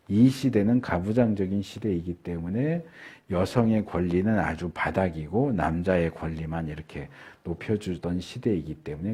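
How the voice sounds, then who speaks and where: Male pastor, middle-aged, sermon, dark mellow tone, husky, unhurried with pauses. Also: deep voice. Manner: unhurried preaching with frequent filler pauses and slowed emphasis.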